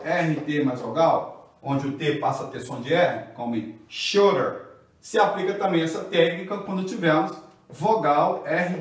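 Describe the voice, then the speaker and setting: A man with a Brazilian Portuguese accent teaching English pronunciation in a scripted lesson, slowing down carefully over example words. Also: sits high, very echoey, far from the mic.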